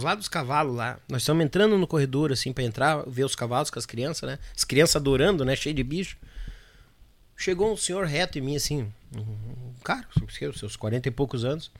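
High-voiced gaúcho podcast host. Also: male voice. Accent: southern Brazilian gaúcho. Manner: lively storyteller, reads viewer messages aloud. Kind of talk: casual podcast chat.

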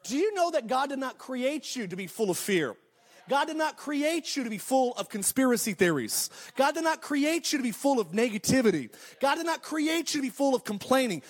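A man in his thirties preaching a sermon, building energy through repeated declarations and quick humorous asides. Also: very high voice, sing-song. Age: 30s. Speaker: pastor.

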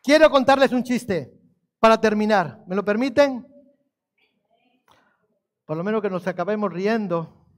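A man's voice: sits high, unhurried, long pauses. A man preaching a sermon as pastor, telling a humorous story and asking the congregation rhetorical questions.

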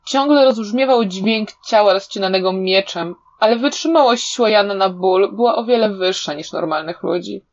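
A woman reading a fantasy novel aloud in an even, measured voice, as an audiobook narrator, in a slightly dull recording. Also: mid-range voice. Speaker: audiobook reader.

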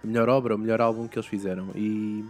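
A man's voice: lowish voice, level tone, fast, a little mellow, faint music behind. A young man with a European Portuguese accent, chatting casually as a podcast host and rambling with many restarts. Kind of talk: casual chat.

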